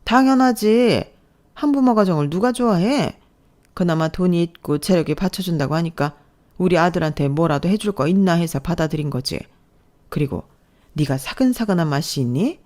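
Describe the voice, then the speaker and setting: A belittling, snobbish middle-aged mother-in-law, read by a woman in a scripted story narration. Her voice sits low and sounds mellow and relaxed even as she scolds. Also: moderate pace, lightly acted. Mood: scolding.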